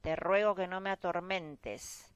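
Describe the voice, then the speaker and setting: A woman's voice: fairly low pitch, fairly even intonation, measured pace, smooth, no room sound, close to an everyday voice. A woman reading the pleading words of a possessed man in a scripture reading. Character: possessed man begging, tormented.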